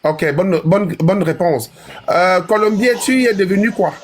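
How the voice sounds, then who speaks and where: A man's voice: high voice, a little slow. A man moderating a heated online panel debate, questioning the other panelists insistently.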